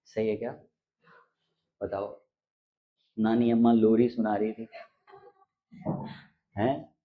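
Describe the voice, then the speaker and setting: A man's voice: on the low side, flat delivery, slow pace. A male teacher giving a classroom lecture, playfully teasing his students, prompting them to answer and chanting letters in rhythm. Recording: tinny phone-like sound.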